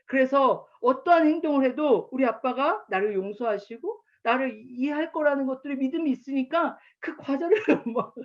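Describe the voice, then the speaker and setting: A man's voice: very high voice, normal speed, hardly any pauses. A man in his thirties preaching at an online chapel, telling stories about his daughter and acting out her lines. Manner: warm storytelling with acted quotes of his daughter. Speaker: campus ministry pastor. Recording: dull lo-fi online chapel recording.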